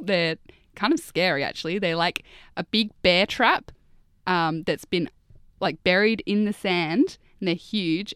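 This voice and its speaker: Smooth-voiced, enthusiastic young woman explaining casually. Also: fairly low pitch, no room sound, studio quality. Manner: informal, enthusiastic. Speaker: guest researcher, PhD candidate. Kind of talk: casual interview chat, explaining.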